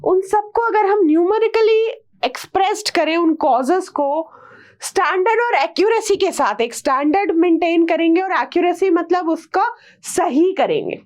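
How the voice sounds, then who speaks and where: A woman's voice: very high voice, lively intonation, normal speed. A woman with an Indian accent teaching an online class, addressing her students directly with teasing and scolding asides.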